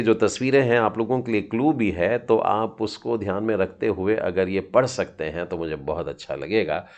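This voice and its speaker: A middle-aged man teaching a children's Hebrew lesson, patiently sounding out each letter and encouraging his students. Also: lowish voice.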